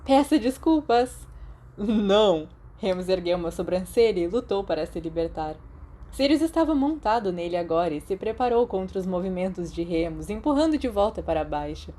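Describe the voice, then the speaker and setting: An audiobook narrator, a woman with a Brazilian accent, reads a story aloud in an expressive, scripted way. Her voice sits fairly low and she moves at a fairly quick clip.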